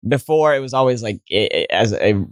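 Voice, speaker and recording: Mid-range and lively in intonation, this man speaks a little fast as he spins stories during a laid-back interview, with many fillers and false starts. He's in his twenties, has an American accent, and was born in Saudi Arabia before being partly raised in New Jersey. The studio audio is clean, with no room sound.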